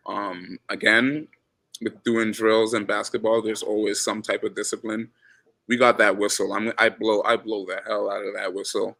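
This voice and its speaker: A gravelly, lowish male voice at a normal pace belongs to a basketball coach from Ghana. Relaxed and easygoing, he repeats words throughout the casual interview chat and says his voice is loud.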